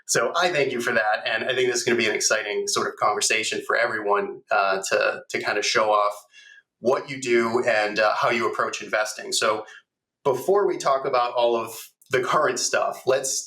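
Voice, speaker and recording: A man's voice: mid-range voice, normal speed, bright, forceful tone. Man hosting through a tinny, metallic echo. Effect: tinny, metallic tin-can sound. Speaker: podcast host. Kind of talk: conversational podcast hosting. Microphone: backup device, not the close microphone. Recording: echoey, tinny backup recording device.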